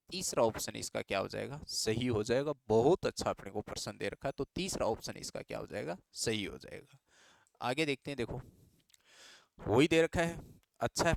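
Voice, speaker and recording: A man's voice: mid-range voice, gravelly, dry recording, studio quality. A man teaching a reasoning lesson for exam students, patient and repeating each step as questions to his students.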